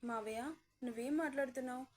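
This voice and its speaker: This is a storybook reading where a frightened young child bride pleads tearfully with her captor, as a woman puts her on. The voice sits a little high, the way a woman narrator would keep it while reading. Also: fast. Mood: frightened pleading.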